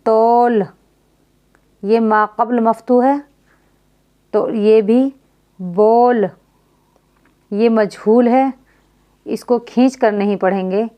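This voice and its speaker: Slow, patient woman teaching Urdu letters. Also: a little high, steady tone, lo-fi sound. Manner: patient, asks questions then answers them herself; spells out letters slowly, drawing out sounds. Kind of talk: beginner Urdu reading lesson.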